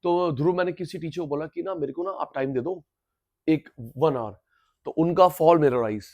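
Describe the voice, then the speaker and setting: A man with a high voice lectures a live class. He hammers key terms through repetition and switches freely into English terminology. He gently scolds and teases his students as he goes. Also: moderate pace. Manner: lively, repetitive drilling, mixing Hindi and English terms; teasing, scolds latecomers playfully. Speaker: teacher.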